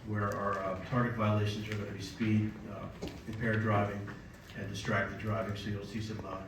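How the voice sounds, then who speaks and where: A man giving a police chief's report at a city council meeting, measured and full of filler pauses. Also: on the low side, little pitch movement. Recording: echoey council chamber, distant mic, background noise.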